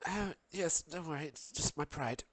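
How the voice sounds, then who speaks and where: A man voicing a calm, slightly sly woman adventurer in improvised tabletop role-play, barely changing his own voice. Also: fairly high pitch, normal speed, no echo, lightly acted. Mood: sly polite. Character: smooth-talking woman adventurer on a secret errand.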